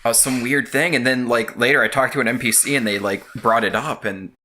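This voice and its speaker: A man's voice: mid-range voice, fairly even intonation, a little fast, pushed and bright, a little hiss or hum. A man guesting on a casual podcast, talking hesitantly with many ums while he thinks. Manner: hesitant, filler-heavy, thoughtful. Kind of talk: casual chat.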